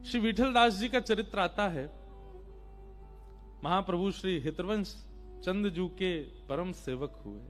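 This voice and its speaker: A man's voice: sits high, slow, pauses often, faint music behind. A man telling a devotional story sermon, emphatic and addressing the listeners directly. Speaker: kathavachak storyteller-preacher.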